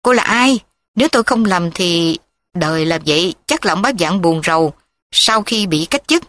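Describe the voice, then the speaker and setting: A woman's voice: fairly low pitch, expressive, normal speed, fairly bright tone. A woman voicing an evasive man on a wood boat who answers vaguely. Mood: offhand. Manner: vague, offhand.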